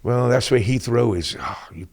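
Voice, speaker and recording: A man's voice: mid-range voice, normal speed, a little mellow. An older Welsh man from Wales, a military veteran guest telling anecdotes in an interview and acting out the voices he quotes. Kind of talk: casual interview storytelling.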